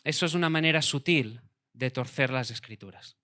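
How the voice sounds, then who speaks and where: A man preaching a sermon as pastor, emphatic, dropping to a quiet tone for weight. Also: medium pitch, normal speed.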